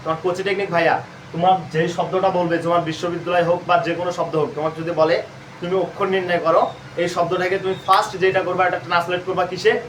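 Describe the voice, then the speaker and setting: A man's voice: high-pitched, level tone, fast, a bit bright, distant mic. A man with a Bangladeshi Bengali accent teaching an admission prep lesson live, asking questions and answering them himself. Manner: repetitive quizzing, asks and answers own questions. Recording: roomy echo, voice off-mic, faint hum.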